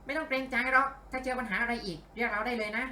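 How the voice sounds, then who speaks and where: A man's voice: very high-pitched, fairly even intonation, rapid-fire, pushed and bright, distant mic, pitched above the performer's own voice, full character voice. A bubbly, tiny fairy sidekick chirps eagerly in a raised voice, as a man puts her on while playing. The sound is roomy with a faint hiss underneath. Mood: proud.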